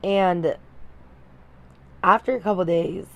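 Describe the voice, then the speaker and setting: A young woman with a slightly low-pitched voice speaks directly to her viewers. She tells a painful personal story candidly, her emotion showing as she pauses and starts her sentences over. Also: gravelly, fairly bright tone. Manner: candid, emotional, halting with many restarts. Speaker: vlogger.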